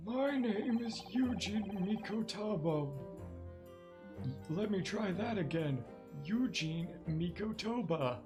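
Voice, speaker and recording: A man voicing a courteous elderly male professor who speaks formally and slowly, over game music. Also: sits high, animated, poor audio. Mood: grave. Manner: formal, measured old-man delivery.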